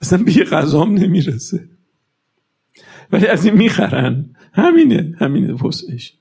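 A man preaching a religious sermon, pressing his listeners with fervent, rapid-fire rhetorical questions. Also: a little high, expressive, vocal fry, darkish tone, breathy edge.

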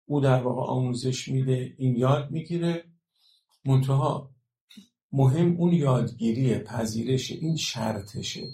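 Gravelly-voiced man giving a religious talk. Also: medium pitch, mellow, reverberant. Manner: explanatory, asks listeners rhetorical check-questions. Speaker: religious lecturer.

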